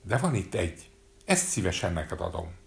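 A man's voice: sits low, very animated, vocal fry, full character voice. A man voicing a sly old peddler woman who wheedles and caws, in a storybook reading. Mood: wheedling. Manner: cawing, wheedling.

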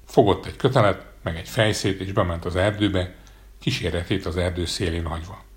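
A man calmly narrating a fairy tale aloud. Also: low voice.

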